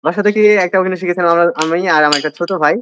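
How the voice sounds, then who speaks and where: A man's voice: high voice, racing, fairly bright tone, highs cut off, slight background noise. A young man telling the story of his admission test in a casual interview, with a Bangladeshi Bengali accent and many hesitant fillers. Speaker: admission candidate, guest.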